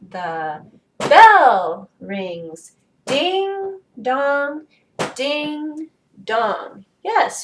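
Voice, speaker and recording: A woman's voice: a little high, fairly bright tone, reverberant, distant mic. A woman teaching a children's music lesson, explaining patiently step by step.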